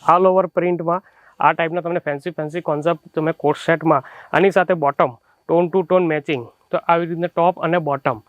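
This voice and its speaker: A man with a Gujarati accent presenting clothing stock in rapid, unscripted sales patter, often restarting words. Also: on the high side, dry recording, phone-quality sound. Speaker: wholesale clothing shop presenter. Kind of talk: unscripted product showcase.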